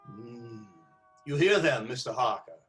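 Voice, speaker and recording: Slow, sinister Count Dracula. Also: male voice, mid-range voice, expressive, fairly bright tone. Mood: eerie, savoring. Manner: slow, deliberate, formal. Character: sinister old vampire count, courtly and menacing. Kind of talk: radio horror drama acting.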